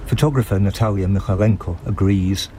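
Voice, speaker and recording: A man narrating a scripted news report as a foreign correspondent, measured and descriptive. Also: low-pitched, mellow, a little hiss or hum.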